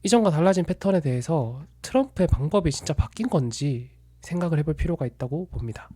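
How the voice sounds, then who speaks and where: Man, solo investment commentary, measured and analytical, slightly high voice, dry close sound. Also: lively intonation, dark tone, breathy edge, dry recording. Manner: measured, analytical, occasional self-corrections.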